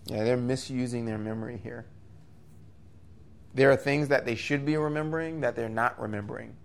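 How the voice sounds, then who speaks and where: A man preaching a sermon, his voice at a middling pitch. He talks in an earnest, conversational way, lifting his voice for emphasis and dropping into quick asides. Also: creaky. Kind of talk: expository sermon.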